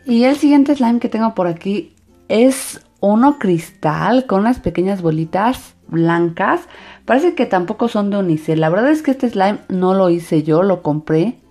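A woman's voice: medium pitch, expressive, a little slow, warm tone. A woman narrating a hands-on craft video for children in an enthusiastic, sing-song way. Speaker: host of a slime craft channel. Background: background music.

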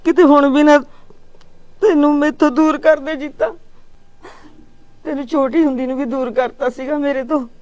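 A worried village mother, played by a woman speaks plaintively in a slightly high voice. She has a Punjabi accent and sounds fearful throughout. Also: steady tone, normal speed, pauses often, a little mellow, dry recording, natural voice. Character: worried, tearful middle-aged village mother. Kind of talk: village drama acting.

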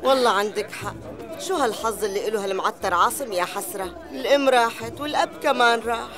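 A gossipy middle-aged wedding guest from a dubbed TV drama, voiced by a woman with a Syrian Arabic accent. Her voice is slightly high and quick, set against clear music and a noisy crowd. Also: natural voice.

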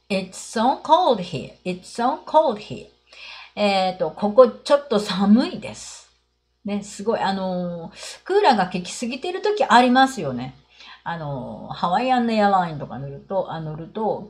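A woman's voice: lowish voice, a little mellow, a little hiss or hum. An older Japanese woman teaching travel English phrases in Japanese, explaining patiently with many fillers and reading the English lines with a Japanese accent.

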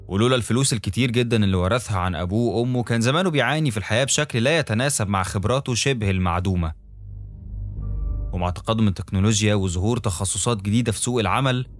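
A man with an Egyptian accent narrates a scripted horror story in a steady, dramatic manner. His voice is fairly low and his pace brisk. Soft music plays faintly underneath. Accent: Egyptian Arabic. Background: soft background music.

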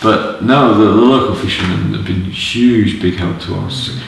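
A man's voice: lowish voice, unhurried, gravelly, a little hiss or hum. An older man, a sailing club instructor, talking with enthusiasm in a documentary interview in an indoor clubroom. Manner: enthusiastic, animated storytelling. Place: indoor clubroom with photos on the wall. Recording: roomy, distant, with music behind.

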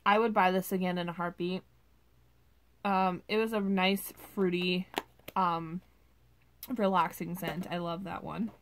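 A woman's voice: fairly low pitch, steady tone, a little slow, long pauses, a bit bright. Chatty woman gushing over wax scents. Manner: chatty, gushing, with many ums and likes. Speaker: vlogger reviewing wax melts. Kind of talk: casual product review.

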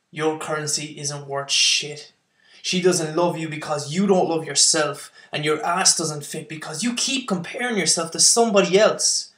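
A man's voice: high-pitched, a bit bright, echoey room. A young man performing spoken word poetry, intense and building to impassioned outbursts.

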